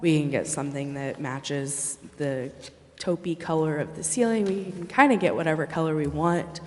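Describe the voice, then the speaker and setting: The voice is medium in pitch and normal in speed. It belongs to a city staff member who, presenting bids to the council, answers questions hesitantly and apologetically at a public meeting inside an echoey council chamber.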